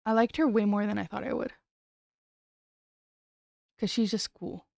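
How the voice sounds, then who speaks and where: A woman's voice: medium pitch, fairly even intonation, measured pace, gravelly, darkish tone, dry recording, clean studio sound. A young woman chatting casually on a late-night stream, giggly and rambling, often trailing off and restarting.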